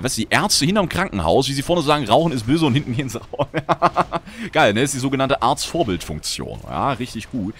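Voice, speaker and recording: German man, livestream gamer, chatty, lively voice that leaps up in excitement, answers chat. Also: fairly low pitch, a little hiss or hum. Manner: chatty, swings from grumbling to excited shouting; reads out chat messages and answers viewers. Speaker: streamer. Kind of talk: casual livestream gameplay chat.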